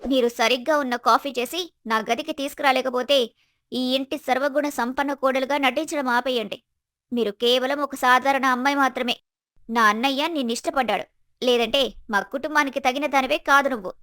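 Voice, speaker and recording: A woman voicing a spoiled, haughty young college woman who whines and scolds, in an animated story. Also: fairly quick, no room sound, clean studio sound. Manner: whiny, shrill, haughty.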